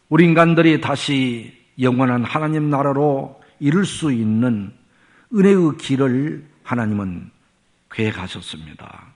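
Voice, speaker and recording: A man preaching a sermon, telling a story and then teaching in a measured way that rises for emphasis. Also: medium pitch. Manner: measured preaching with rising emphasis and drawn-out pauses. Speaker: pastor.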